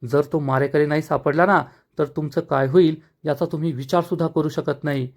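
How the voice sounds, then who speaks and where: A man voicing a furious, powerful rich father who scolds and shouts at the police in a retold serial scene. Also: on the high side, steady tone, brisk, close to an everyday voice.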